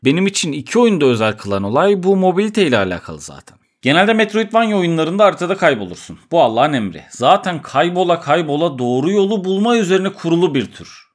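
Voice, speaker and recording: A man with a Turkish accent narrates a video game review from a script. His delivery stays casual, with slangy asides breaking into the prepared text. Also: a little high. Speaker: gaming video host.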